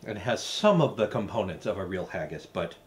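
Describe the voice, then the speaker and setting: A man's voice: low-pitched, sing-song, brisk, a little hiss or hum. A man hosting a recipe show, tasting a dish with dry, hesitant, wry asides. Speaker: cooking show host. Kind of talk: casual recipe review.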